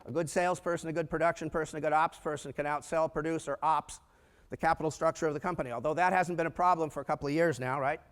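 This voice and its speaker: An older American keynote speaker gives an energetic conference presentation on business finance, peppered with rhetorical questions and humorous asides. His fairly high voice is smooth and fast. It echoes with hall reverb in a large conference room.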